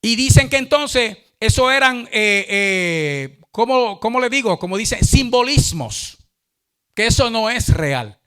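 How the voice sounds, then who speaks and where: A man's voice: sing-song, smooth. A male pastor preaching a sermon emphatically, often addressing listeners as brother and stretching key words. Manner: emphatic, repeats "hermano", drawn-out stresses, big swings in pitch and loudness.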